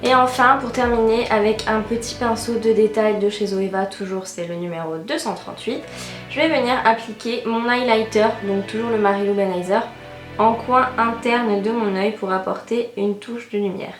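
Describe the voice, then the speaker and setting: Chatty young woman over loud music. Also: a little high, normal speed. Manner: chatty, frequent "euh" and "donc voilà" fillers. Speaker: beauty vlogger. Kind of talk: casual makeup tutorial. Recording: roomy voice with loud background music. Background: background music.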